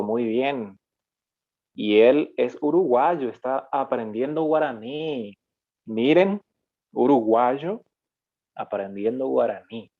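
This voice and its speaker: A man's voice: medium pitch, gravelly, narrow, tinny audio. A Paraguayan man teaching a live online language lesson. He explains step by step, with many fillers and self-corrections.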